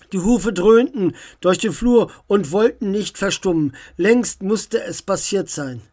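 A storyteller reading a children's fantasy story aloud, slowly and calmly. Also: mid-range voice.

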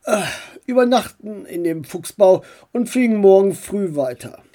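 A woman voicing a kind but secretive uncle who dodges questions and teases gently in a storybook reading. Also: mid-range voice, expressive, unhurried, close to an everyday voice. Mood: teasing calm. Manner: evasive, gently teasing.

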